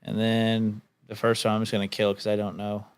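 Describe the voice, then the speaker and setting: A man's voice: on the low side, monotone, a little fast, clean tone. A man co-hosting a podcast in casual chat, laid-back, often ending his lines with "dude". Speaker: podcast co-host.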